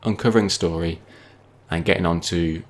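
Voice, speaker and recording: A man's voice: low voice, fairly even intonation, normal speed. A man giving nervous, jokey let's-play commentary, rambling and yelping when he gets startled. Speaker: gaming youtuber.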